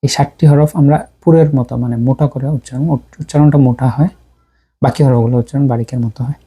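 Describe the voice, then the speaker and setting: Dark-voiced man teaching recitation. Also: mid-range voice, steady tone, husky. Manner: patient, repeats syllables slowly to drill pronunciation. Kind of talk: tajweed lesson.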